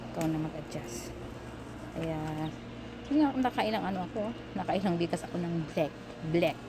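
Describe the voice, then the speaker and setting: A woman's voice: lowish voice, heavy background noise. A woman telling a casual vlog story. She laughs at herself and repeats words to show how they are pronounced. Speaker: vlogger. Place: living in Korea.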